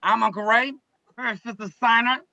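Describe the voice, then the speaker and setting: A man's voice: very high-pitched, fairly even intonation, moderate pace, gravelly, sharp tone, no echo, muffled recording. A man hosting a casual group chat, playful and theatrical as he teases his friends. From United States. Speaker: host.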